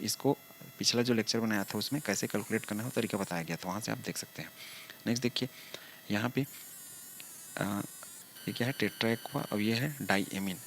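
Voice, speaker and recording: A man's voice: on the low side, fairly bright tone, slight background noise. A male chemistry teacher giving a lecture, talking through each step and asking the class rhetorical questions.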